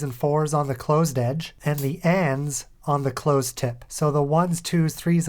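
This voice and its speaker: A man hosting a music production tutorial, calmly talking through each step in a voice-over. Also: fairly high pitch. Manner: calm, methodical step-by-step explaining. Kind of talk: tutorial voice-over over a screen recording.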